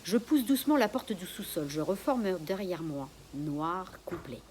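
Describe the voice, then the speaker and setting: A woman's voice: fairly low pitch, animated, measured pace, darkish tone, slight background noise. A woman reading her own suspense story aloud in the first person, sometimes dropping to a whisper, with a few restarts after slips. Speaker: author reading her book.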